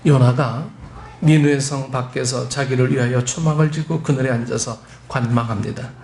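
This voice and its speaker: A man's voice: mid-range voice, fairly even intonation, moderate pace, gravelly, a little mellow, slight background noise. A male pastor preaching a sermon, emphatic and questioning his congregation. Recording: roomy church sound.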